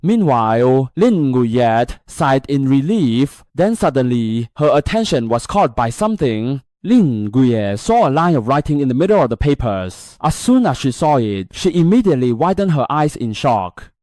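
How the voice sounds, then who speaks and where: A man's voice: mid-range voice, very animated, moderate pace, few pauses, darkish tone, no room sound. A man narrating a comic-style story recap in a scripted storytelling style.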